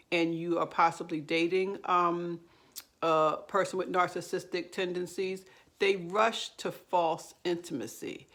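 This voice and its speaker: Lady counselor giving advice to camera, kinda low voice with lots of fry, earnest, restarts a lot. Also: fairly bright tone. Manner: earnest and explanatory, with fillers and restarts. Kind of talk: direct-to-camera advice talk.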